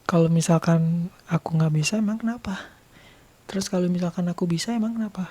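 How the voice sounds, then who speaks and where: A vlogger from Bali, Indonesia, chats casually to his viewers in a Balinese accent, laughing often and sometimes slipping into a soft whisper. His voice is high and a little fast.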